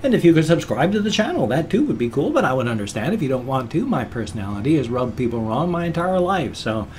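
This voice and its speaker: A man's voice: a little high, very animated, fast talker, a little mellow, slight background noise. A man in his fifties chatting in a casual vlog, rambling, earnest and self-deprecating, talking with his hands as he sits. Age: 50s. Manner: talks with his hands while seated. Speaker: vlogger.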